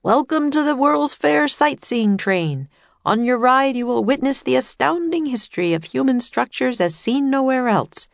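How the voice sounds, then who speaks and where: A woman's voice: high-pitched, lively intonation, moderate pace, creaky, no room sound, studio quality, voice pushed up. A woman voicing a male tour guide who announces sights through a megaphone in a grand, sing-song way. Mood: announcing.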